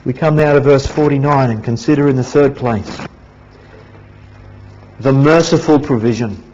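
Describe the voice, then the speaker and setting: A man with an Australian accent preaching a sermon as pastor in a church, earnest and pleading, dropping to a hush and then rising again. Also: medium pitch, steady tone, a little fast. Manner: earnest, pleading, swings from hushed to raised. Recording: dull lo-fi church recording.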